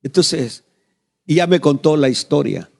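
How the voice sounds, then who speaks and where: Speaking at a measured pace in a gravelly, fairly high voice, a middle-aged pastor delivers a sermon built around a family story. He performs the quoted voices with animation and asks his congregation questions.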